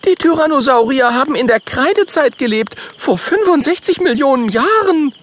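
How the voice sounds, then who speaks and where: A man's voice: sits high, very animated, normal speed, a little hiss or hum, pitched above the performer's own voice. A man voicing a sensible young female porcupine in a children's audiobook, matter-of-fact and corrective. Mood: know-it-all.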